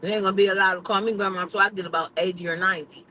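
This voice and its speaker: A woman's voice: mid-range voice, steady tone, racing, sharp tone, slight background noise, rough recording. A middle-aged woman chatting casually on a livestream, blunt and emphatic, swearing freely. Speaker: vlogger.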